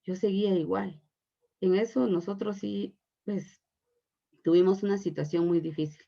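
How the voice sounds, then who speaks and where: A woman's voice: mid-range voice, steady tone, moderate pace, creaky, warm tone, muffled recording. A woman in her forties giving an earnest, emotional faith testimony to her church congregation. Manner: earnest and emotional, addressing listeners as brothers and sisters.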